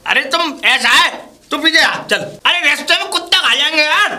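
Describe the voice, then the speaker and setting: A man's voice: very high voice, lively intonation, moderate pace, bright, forceful tone, full character voice. A man acting in a rural comedy sketch as a scheming villager who pleads and gets flustered when he is caught out.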